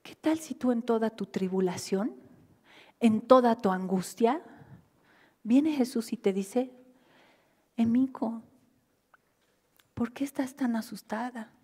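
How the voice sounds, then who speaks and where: A woman with a Bolivian Spanish accent preaching a sermon in a church hall, dropping to near-whispers and rising to loud cries. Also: on the high side, slow, long pauses, slightly rough. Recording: livestream with long hall reverb.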